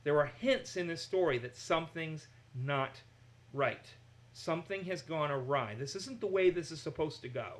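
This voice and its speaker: At a moderate pace and fairly high pitch, a man from Massachusetts leads a chatty Bible study. He brings the quotes to life by acting them out in raised voices.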